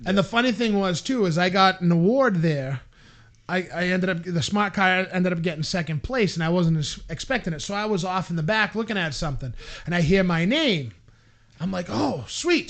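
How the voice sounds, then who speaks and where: A man tells a story in a relaxed podcast chat. He acts out what people said and shouts at the peaks. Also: high-pitched. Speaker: podcast co-host.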